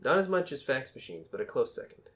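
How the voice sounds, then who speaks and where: A man in his thirties with a Boston accent chats loosely on a gaming podcast. He rambles through his points and pokes fun at himself as he goes. His pitch sits in an ordinary middle range. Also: very animated, quick pace. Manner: joking, rambling, self-deprecating. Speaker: podcast co-host. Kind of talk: casual chat.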